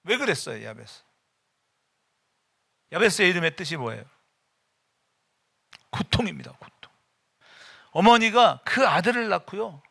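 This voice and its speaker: A middle-aged male pastor preaches in a church with a bright, forceful, gravelly voice. His pitch swings widely as he goes from casual, personal talk to loud prayers. The sound is dry and close. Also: big pitch swings, a little slow, long pauses, no echo. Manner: emphatic and personal, mixing casual speech with sudden loud bursts of prayer. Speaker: senior pastor. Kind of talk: afternoon church sermon. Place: church sanctuary.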